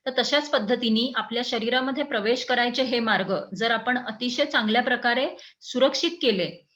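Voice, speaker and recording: A woman giving an explanatory health talk as an educator, in a measured teaching tone with frequent pauses and fillers. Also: on the high side, fairly bright tone, poor audio.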